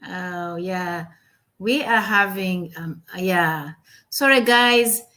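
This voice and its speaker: A Ugandan woman hosting a business livestream draws out her words in a fairly low, sharp-toned voice. Her casual, upbeat talk is full of fillers and repetition, captured by a home computer mic on a video call.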